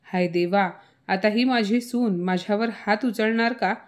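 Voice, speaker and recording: A woman's voice: medium pitch, unhurried, natural voice. A woman voicing an older mother-in-law who scolds and complains dramatically in a storybook tale. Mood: angry, wailing.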